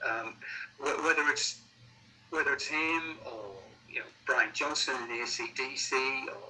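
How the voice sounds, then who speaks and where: A middle-aged or older man with a Sunderland accent, chatting casually as an interviewed musician, halting and repeating words as he thinks. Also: mid-range voice, sharp tone, slight background noise, low-quality recording. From Sunderland, North East England.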